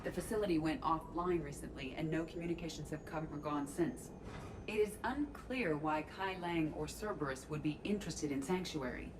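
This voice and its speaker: A woman voicing a calm ship artificial intelligence in a video game, briefing in formal, precise, measured phrases. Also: deep voice, over music, lightly acted, low-quality recording. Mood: calm, informative.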